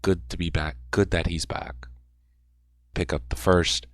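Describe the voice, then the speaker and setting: A young man giving excited sportscaster-style play-by-play over a football video game, with rambling asides. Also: low-pitched, a little slow, dry recording, studio quality. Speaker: gaming YouTuber.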